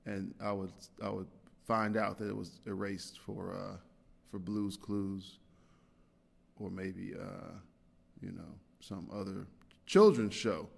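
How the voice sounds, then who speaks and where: A man's voice: deep voice, steady tone, slow pace, vocal fry, pauses often, breathy edge. A man hosting a casual solo podcast, rambling and self-deprecating, with lots of fillers and restarts. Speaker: podcast host. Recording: long hall reverb.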